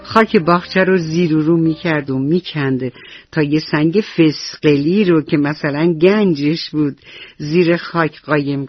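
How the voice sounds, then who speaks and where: A woman storyteller narrating a bedtime story for children on the radio, talking warmly to her young listeners. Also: low-pitched, no echo, muffled recording. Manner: warm, friendly addressing children.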